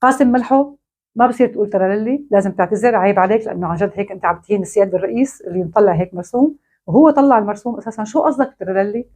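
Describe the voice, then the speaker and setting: A woman's voice: medium pitch, rapid-fire, mellow. A woman with a Syrian Arabic accent, delivering a mocking, scolding monologue straight to camera. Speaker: online commentator.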